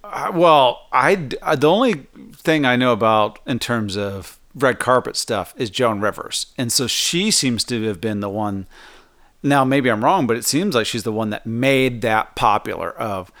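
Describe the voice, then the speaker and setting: A man's voice: mid-range voice, expressive, measured pace, fairly bright tone. A man co-hosting a casual comedy podcast with his partner, often hesitating, restarting and voicing skepticism. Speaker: podcast co-host. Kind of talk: casual comedic couple chat.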